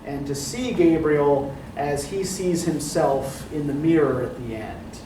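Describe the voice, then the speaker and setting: A male literature professor leads a class discussion in a voice on the high side, speaking at a measured pace. He's thoughtful, often adding "right?" and "um" as he checks in. The mic is distant, picking up an echoey classroom with background noise.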